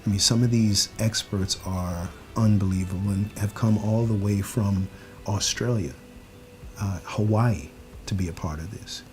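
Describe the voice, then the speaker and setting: A man's voice: fairly low pitch, a little slow, darkish tone, soft background music. A man hosting a nutrition series, talking enthusiastically with hesitant fillers. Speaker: series host. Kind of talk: promotional interview.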